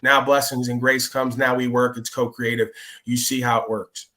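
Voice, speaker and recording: A man's voice: medium pitch, level tone, moderate pace, sharp tone. A man hosting a livestream who rambles on in a profane, sermon-like way about ego and spirit. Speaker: livestream host. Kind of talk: rambling preachy monologue.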